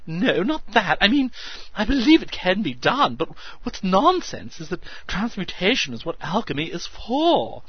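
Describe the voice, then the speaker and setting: A shrill, frantic eccentric alchemist. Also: male voice, huge pitch swings, a little slow, husky, no echo, lo-fi sound, exaggerated voice. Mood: hysterically excited. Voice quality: shrill, piping, blathering. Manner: hysterical, breathless, gushing.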